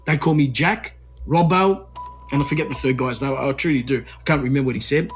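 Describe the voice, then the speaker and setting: A man, a radio interview guest telling a long personal story in a rambling, animated way with many restarts. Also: mid-range voice, a little fast, soft background music. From Australia.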